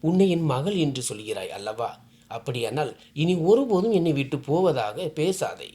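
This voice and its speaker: A loving old mother, tearful and pleading, as a woman reader puts her on, her voice rising and falling in wide swings. She speaks in a storybook tale with warm, emotional appeals. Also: low-pitched, very animated, normal speed. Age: older.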